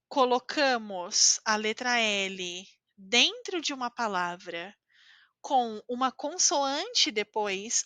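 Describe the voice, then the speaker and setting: A woman's voice: on the high side, pushed and bright, no room sound. A woman with a Brazilian Portuguese accent giving an online language lesson as a teacher. She speaks carefully and repeats example words for her learners. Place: living in Costa Rica.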